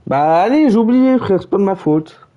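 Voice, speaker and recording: A man's voice: high voice, expressive, moderate pace, dull audio. A man streaming a football video game, chatting with friends in slangy, teasing, mock-outraged asides and calling the match like a mock commentator.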